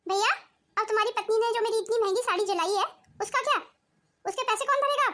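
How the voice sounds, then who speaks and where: A woman's voice: very high voice, fast talker, a bit bright. A woman voicing an arrogant, spoiled young wife in a cartoon who speaks in an accusing, haughty way. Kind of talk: cartoon voice acting.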